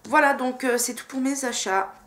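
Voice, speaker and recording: A woman's voice: high voice, normal speed, a bit bright, slight background noise. A woman vlogger chatting casually and enthusiastically about her makeup purchases, with lots of fillers and hesitations. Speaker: beauty vlogger. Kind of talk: casual vlog chat.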